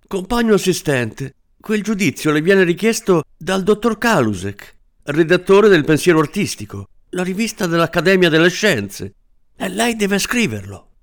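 A man voicing a small, timid married man who turns indignant, speaking in a high, strained voice that rises to shrill protest. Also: very animated, normal speed.

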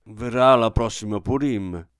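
A man's voice: on the low side, measured pace, clear, resonant tone, no echo, studio quality, lightly acted. A man voicing a bitter, grumbling aging shopkeeper in a dramatic radio reading.

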